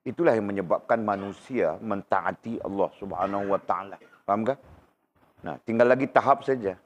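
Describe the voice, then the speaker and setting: A man leads an informal religious class, his voice sitting a little low. He talks to the room and asks students questions by name, and he sounds unwell. The recording is dull and lo-fi. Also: moderate pace. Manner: conversational, questions students by name, frequent tag questions. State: unwell, in pain while talking. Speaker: religious teacher.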